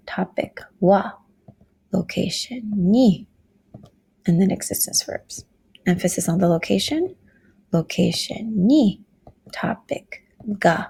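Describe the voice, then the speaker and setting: Woman, Japanese teacher, very gravelly and raspy voice, patient step-by-step explainer. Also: mid-range voice, a little mellow. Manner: explains step by step, slows down to model Japanese phrases. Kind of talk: classroom lecture video.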